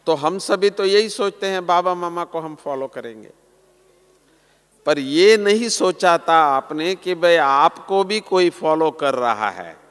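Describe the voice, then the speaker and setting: A man giving a sermon to a large gathering as a spiritual teacher, slow and earnest, letting his voice fall softly at the ends of phrases. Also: fairly high pitch, lively intonation, clean tone. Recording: long hall reverb.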